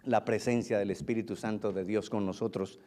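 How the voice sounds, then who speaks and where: A male pastor preaching a sermon, repeating phrases for emphasis and swinging between loud declarations and low, hushed lines. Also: steady tone, brisk, a little hiss or hum.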